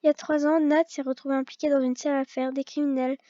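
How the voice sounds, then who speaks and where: Fast and flat, a young woman with a high-pitched, dark voice reads visual novel dialogue for fans, regularly stumbling and beginning lines again. The audio has no echo but comes through dull and lo-fi from an old gaming headset microphone.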